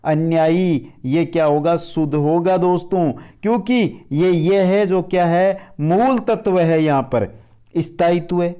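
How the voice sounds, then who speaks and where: A man teaching a grammar lesson on video with a fairly high but mellow voice. He talks at an unhurried pace, answers his own rhetorical questions and calls his viewers friends. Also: clean tone. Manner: explains with many rhetorical questions; keeps addressing viewers as friends. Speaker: online Hindi grammar teacher. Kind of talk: spoken lesson for a video channel.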